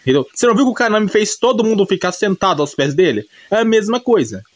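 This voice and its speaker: This anime recap comes from a Brazilian-accented man whose high-sitting voice is very animated and fast. His unscripted narration is colloquial and repetitive, frequently punctuated by little check-in tags, and the audio has no room sound.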